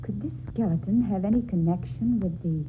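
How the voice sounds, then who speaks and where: A woman's voice: mid-range voice, a little fast, phone-quality sound, lightly acted. An actress playing an anxious, earnest woman painter in an old-time radio drama. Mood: uneasy wonder. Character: anxious female painter caught in a ghostly mystery. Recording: thin, noisy old radio recording.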